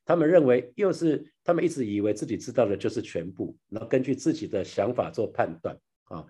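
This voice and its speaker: A man giving a devotional Bible teaching, often repeating his phrases and adding soft tag particles. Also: mid-range voice, animated, fairly quick, slightly rough. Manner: repeats phrases, ends lines with soft 哈 and 啊 tags; addresses listeners as brothers and sisters. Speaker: pastor sharing a daily devotional.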